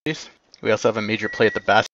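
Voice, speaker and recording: A man commanding players in an online war game, giving clipped orders and quick corrections over voice chat. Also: on the low side, a bit bright, dry recording, lo-fi sound.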